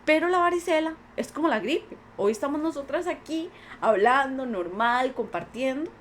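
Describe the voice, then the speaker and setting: Earnest Costa Rican woman, a little high-voiced, telling her own story on a podcast, faint background hiss. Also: expressive, moderate pace. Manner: earnest, many quoted voices. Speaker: podcast guest. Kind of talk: personal testimony in conversation.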